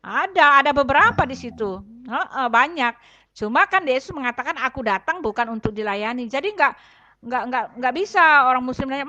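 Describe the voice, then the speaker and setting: A woman with a high, sharp voice, recorded in lo-fi quality, speaks as a church elder giving testimony. She chats casually through scripture, thinking aloud as she searches for Bible verses.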